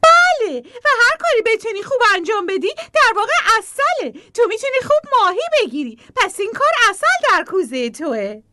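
A woman voicing a cheerful, encouraging little bee in a storybook, talking in quick, reassuring bursts. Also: extremely high pitch, big pitch swings, pushed and bright, a little hiss or hum, full character voice. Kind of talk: storybook voice acting.

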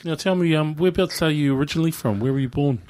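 Mellow-voiced community radio host. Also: male voice, a little high, quick pace. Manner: friendly, frequent short backchannels. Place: radio studio.

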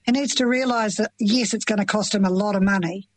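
In a low-quality recording with no room sound, a middle-aged New Zealand mother of children with FASD gives emotional, earnest interview answers. She's plain-spoken and impassioned, talking fairly quickly at a medium pitch.

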